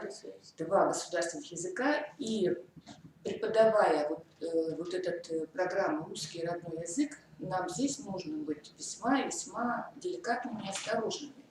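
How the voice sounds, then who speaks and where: A woman from the Komi Republic in Russia lectures methodically on school curriculum for teacher training, moving step by step with hesitant fillers. Her voice is on the low side and a little mellow, heard from far off in an echoey hall with faint noise.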